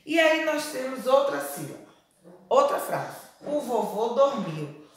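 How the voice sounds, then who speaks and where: A woman teaching young children, stretching out and repeating words in a slow, emphatic way. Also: high-pitched, very animated. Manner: slow, exaggerated pronunciation drilling words. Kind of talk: children's lesson. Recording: very echoey room.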